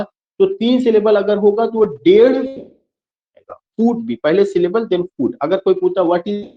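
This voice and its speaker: Teacher repeating terms, spelling words out. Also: male voice, high-pitched, roomy sound, highs cut off. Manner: asks questions and answers them himself; mixes English phrases into his explanations. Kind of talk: classroom lecture.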